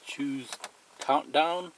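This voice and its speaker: This tutorial presenter has a voice on the higher side and draws out his words, with noise in the background. He demonstrates a product one step at a time in a plain, methodical, unscripted way.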